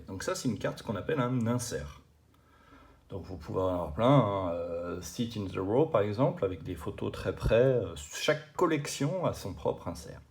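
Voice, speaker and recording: A man's voice: lowish voice, slight background noise. A man hosting a video, casually explaining collecting terms while showing cards, with lots of fillers and restarts. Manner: chatty, many fillers and restarts. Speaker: card collecting channel host.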